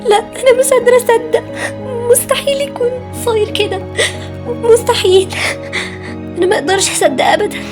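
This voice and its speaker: A teenage girl voicing an anxious young bride-to-be with an Egyptian Arabic accent, in an amateur animated drama. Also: brisk, pauses often, music in the background. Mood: distraught. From Tunisia. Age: teen. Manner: high-pitched, emotional, insistent.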